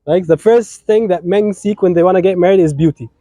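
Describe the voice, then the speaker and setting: This young Egyptian man, officiating a wedding, has a high, mellow voice and talks quickly, captured as a dry, clean studio recording. He's slightly ill, so his voice lacks full strength, yet he delivers a lively sermon, playfully teasing and joking with the couple while switching between English and Arabic.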